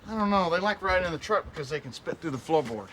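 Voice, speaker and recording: A man's voice: fairly high pitch, lively intonation, racing, heavy background noise. A man playing an exasperated, wisecracking family man in a sitcom. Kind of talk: sitcom acting. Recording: studio sitcom with audience laughter.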